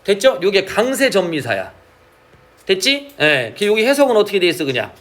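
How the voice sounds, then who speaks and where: Lively high-voiced male teacher. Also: moderate pace. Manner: asks frequent check questions, drawls key terms. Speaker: Korean literature teacher. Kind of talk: classroom lecture.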